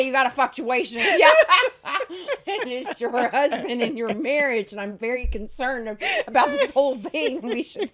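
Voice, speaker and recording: A woman hosting a podcast, chatting casually and telling stories with lots of laughter. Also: a little high. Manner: laughing, animated storytelling. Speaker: podcast host. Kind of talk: casual chat.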